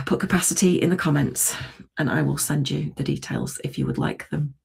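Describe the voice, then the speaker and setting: A woman coaching a tapping and energy session on a livestream, with a low, gravelly voice and a slightly husky edge. She guides slowly and calmly, then chats easily with her viewers. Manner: slow, soothing guidance that turns chatty.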